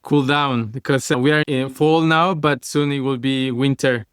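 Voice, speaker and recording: A man from Mexico co-hosts a podcast in a relaxed, friendly way. His voice is mid-pitched and clear, recorded close with a dry sound. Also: a little slow, dry recording. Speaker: podcast co-host. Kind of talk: casual podcast chat.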